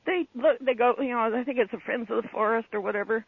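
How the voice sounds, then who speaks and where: An American woman phones a radio show in a paranoid, alarmed political rant. Her voice is somewhat rough, and it comes through a narrow, muffled telephone line. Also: fairly high pitch, fast, dry recording.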